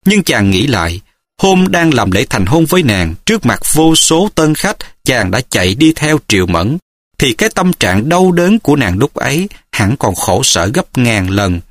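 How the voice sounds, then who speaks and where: A man's voice: medium pitch, sing-song, moderate pace, no echo. A man narrating a martial-arts novel as an audiobook, reading expressively and dramatically.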